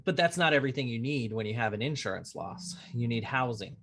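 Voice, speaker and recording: Male attorney guest, conversational, animated storyteller, mid-range voice. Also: medium pitch, fairly quick, gravelly. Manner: animated storyteller who acts out quoted dialogue. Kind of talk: conversational podcast interview.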